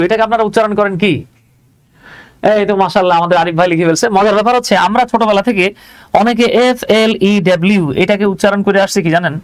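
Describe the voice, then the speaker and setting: A man teaching English grammar in a chatty live online lesson, joking about himself and reading out viewer comments. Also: sits high.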